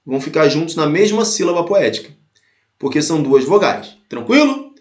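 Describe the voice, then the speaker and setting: A man's voice: fairly high pitch, very animated, normal speed, roomy sound. A man teaching an exam-prep lesson, explaining step by step, repeating his points and checking in with his students. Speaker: Portuguese teacher.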